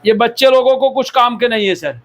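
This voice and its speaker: A man's voice: very high voice, a little fast. A man from India preaching a sermon as pastor, exhorting the listeners and repeating key words for emphasis.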